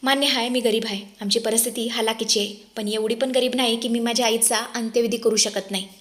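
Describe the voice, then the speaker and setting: A woman's voice: fairly high pitch, fairly even intonation, fairly quick, fairly bright tone, natural voice. A woman voicing a proud, fiery young village woman who speaks in angry, defiant outbursts. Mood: furious.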